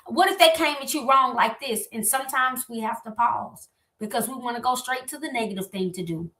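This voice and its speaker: A woman hosts a relationship talk in a bright, slightly high voice. She is lively and animated and speaks straight to her listeners. The room adds a noticeable echo. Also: brisk. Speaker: host. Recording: echoey room.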